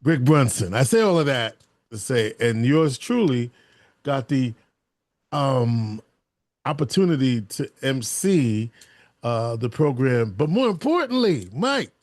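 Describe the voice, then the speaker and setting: Excited male podcast co-host, dry sound. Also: medium pitch, dry recording. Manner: enthusiastic, storytelling, quick laughs. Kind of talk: casual chat.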